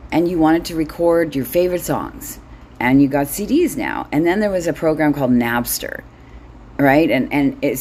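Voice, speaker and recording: Hosting her own show solo, a middle-aged woman delivers a casual comedic monologue that is blunt, wry and sweary. Her voice is deep and a little mellow, with a little hiss or hum on the recording.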